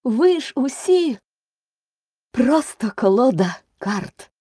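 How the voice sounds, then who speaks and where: A woman reading aloud, voicing a bold young girl in a storybook who talks high, loud and outspoken. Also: sing-song, slow pace, husky, no echo, clean studio sound, heavily acted. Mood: indignant.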